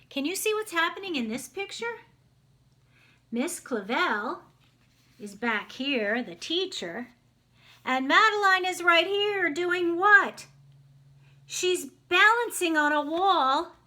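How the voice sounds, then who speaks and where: A woman reads a picture book aloud to children with plenty of expression, pausing to ask them simple questions. Her voice is high with a sharp tone.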